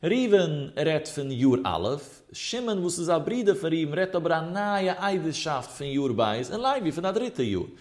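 A man teaching a Talmud lesson, his slightly high voice lifting and dropping as he works through each argument. His delivery has a sing-song lilt. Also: big pitch swings, moderate pace, hardly any pauses, a little mellow. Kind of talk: traditional Talmud study lecture.

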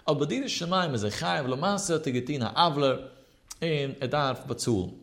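A man with a fairly high voice leads a religious study lesson. He talks through the texts in a sing-song study cadence, his pitch swinging up and down as he explains. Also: animated, a little fast, gravelly, fairly bright tone. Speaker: Talmud teacher.

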